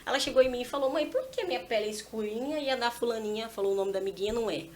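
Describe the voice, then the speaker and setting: Fast-talking mother telling a family story. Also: on the high side, a little hiss or hum. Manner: animated, acts out dialogue with her child. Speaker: guest, mother of a small daughter. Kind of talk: casual storytelling testimony. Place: church podcast setting.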